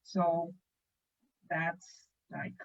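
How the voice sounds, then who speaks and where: A woman in her late twenties from northern China, speaking English with a Chinese accent, a first language of Chinese, in a thoughtful, measured podcast chat over a remote call. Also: on the low side, creaky. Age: late 20s. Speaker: podcast co-host. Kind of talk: casual conversation. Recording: muffled lo-fi call audio.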